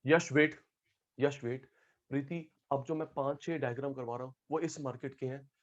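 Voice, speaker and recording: A man's voice: medium pitch, fairly even intonation, moderate pace, dull audio. A male teacher running an online class, calling out students by name and repeating key terms again and again.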